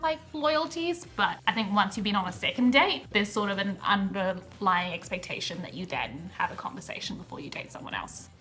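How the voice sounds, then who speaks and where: A woman with a New Zealand accent, giving careful, deliberate views in a casual panel discussion. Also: medium pitch, fairly bright tone. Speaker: panel guest.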